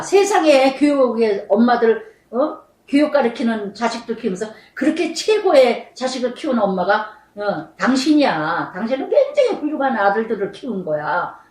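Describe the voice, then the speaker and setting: A middle-aged woman pastor preaching a sermon, emphatic, repeating phrases and swinging between loud and soft. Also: on the high side, reverberant, far from the mic, low-quality recording.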